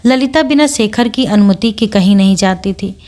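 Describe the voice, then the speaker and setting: A woman storyteller reads a classic novel aloud in a steady, measured voice. Her pitch sits in an ordinary middle range. Her delivery is scripted audiobook narration.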